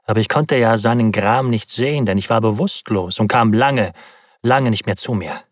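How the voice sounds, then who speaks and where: Close-miked and entirely dry, a male narrator performs a classic novel in first person with measured drama. His voice is lowish, carrying a breathy, husky texture.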